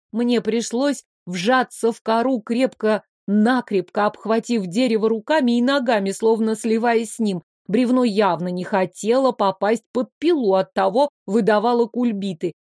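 Female audiobook narrator, somewhat high voice, wry lively delivery, dead-dry studio sound. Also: normal speed, hardly any pauses, dry recording. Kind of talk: first-person storybook narration.

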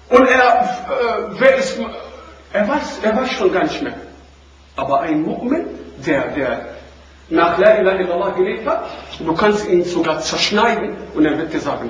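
A man preaching to a seated audience in a high voice, swinging from loud questions to quiet, low lines. He is heard from far off in a strongly echoing room. A faint noise runs underneath. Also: expressive, a little slow. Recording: echoey room recording from far off.

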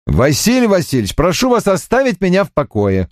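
A man's voice: sits high, wildly swooping pitch, brisk, dry recording, clean studio sound, voice pushed up. A man voicing an idealistic young baron in an audiobook, earnest and a little pleading. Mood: irritated. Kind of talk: audiobook character reading.

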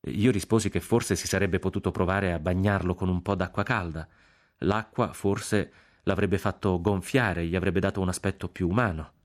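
A man reading a novel aloud on a radio program in a measured, grave, unhurried way. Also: sits low, fairly even intonation. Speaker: audiobook reader on a radio program.

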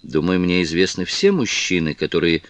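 A composed aristocratic gentleman, read by a man with a deep, low voice, unhurried and measured. The sound is dry and close, with no room around it. He talks with calm authority, the way a storybook lord would. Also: dry recording. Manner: slow, measured, condescending calm. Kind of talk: audiobook character reading.

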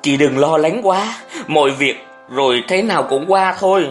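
A narrator voicing an earnest younger brother who gently defends himself to his sister in an audiobook. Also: on the high side, moderate pace, soft background music, pitched above the performer's own voice, lightly acted. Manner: pleading, earnest.

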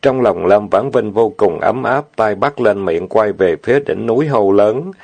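A man narrating an audiobook novel in a steady, plain reading. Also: fairly low pitch, measured pace, no room sound. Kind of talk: storytelling narration.

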